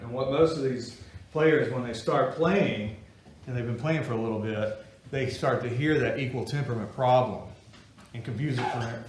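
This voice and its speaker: Captured from far off in an echoey workshop classroom with slight background noise, a man in a mid-range voice leads a guitar-making class for a few students. He keeps the class talk casual, folksy, and chatty.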